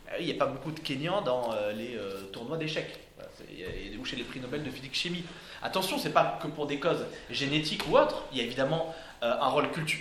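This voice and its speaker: Speaking to a live audience in an echoey indoor room, a man gives an informal lecture, hesitating with many fillers and restarts. His voice is fairly high and a bit bright, with a little hiss or hum and faint ambience in the recording.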